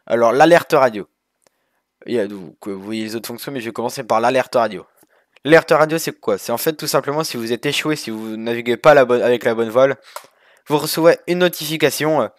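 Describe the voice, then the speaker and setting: Casual male game narrator, middle pitch, rambling delivery, dry close mic. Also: dry recording. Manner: rambling, many fillers and restarts. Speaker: gaming youtuber. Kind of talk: casual screen-recorded game walkthrough.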